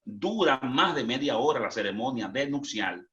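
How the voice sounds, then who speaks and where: A Dominican man who preaches, telling stories animatedly and jumping into high, excited voices when he quotes people. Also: moderate pace. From Dominican Republic. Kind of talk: animated storytelling. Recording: lo-fi muffled.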